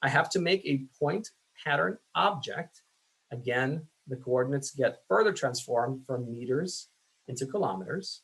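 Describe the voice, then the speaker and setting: A man teaching statistics in a casual, self-deprecating way, with many fillers, his voice going hoarse. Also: medium pitch, animated, normal speed, fairly bright tone, low-quality recording. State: losing his voice. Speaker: statistics instructor. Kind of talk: screen-share lecture.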